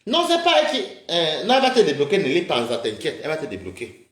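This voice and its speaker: A man hosting a livestream in a heated rant, his voice jumping high and low as he scolds and mocks his viewers. He sounds agitated and talks to them as maman. The recording carries a roomy echo. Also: wildly swooping pitch, fast. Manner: mocking, scolding, repeatedly addresses viewers as maman. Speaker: livestream host.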